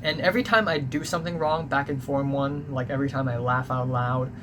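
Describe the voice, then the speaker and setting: A young adult vlogger from Hong Kong, a native Cantonese speaker with a Hong Kong English accent, tells a casual, rambling story, correcting himself repeatedly and spicing it with swearing. His mid-range voice is steady and a little fast. Background noise is noticeable.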